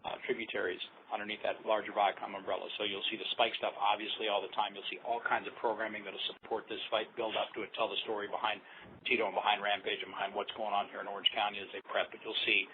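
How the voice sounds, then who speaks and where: A man's voice: fairly low pitch, level tone, quick pace. A man speaking as a fight promoter on a conference call, emphatic and repetitive in corporate phrasing. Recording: tinny phone line, faint noise.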